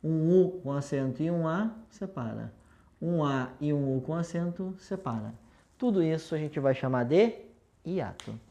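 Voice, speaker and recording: A woman's voice: low-pitched, animated, a little slow, warm tone. Woman teacher, patient step-by-step explainer, affectionate with students, whiteboard lesson. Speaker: language teacher. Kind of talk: recorded video lesson at a whiteboard.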